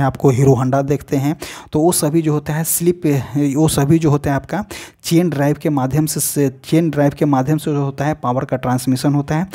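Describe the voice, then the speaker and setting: A man's voice: fairly high pitch, mellow. A man teaching an exam-prep lesson, walking through practice questions one by one and repeating phrases as he explains, with English terms mixed into his talk. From India. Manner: repetitive, restarts phrases, mixes English terms into Hindi.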